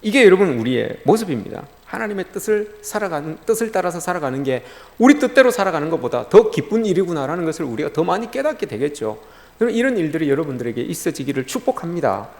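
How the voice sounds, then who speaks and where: A man's voice: fairly high pitch, very animated, quick pace, creaky, darkish tone. A middle-aged male pastor delivering a sermon in a conversational storytelling way. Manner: storytelling, conversational, addresses listeners often. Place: church sanctuary. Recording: long reverb in a church hall.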